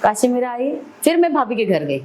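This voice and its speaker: Her voice is on the high side and mellow, with big pitch swings and a moderate pace: a middle-aged celebrity hair stylist telling her life story vividly as a podcast guest. The interview recording is rough, with slight background noise.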